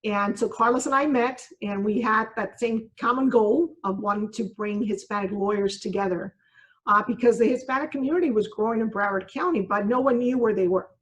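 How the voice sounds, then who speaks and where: A woman judge in her sixties, originally from Cuba, answers interview questions at an everyday pitch. She speaks earnestly and reflectively, pausing often on ums and you-knows as she gathers her thoughts. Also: rough recording.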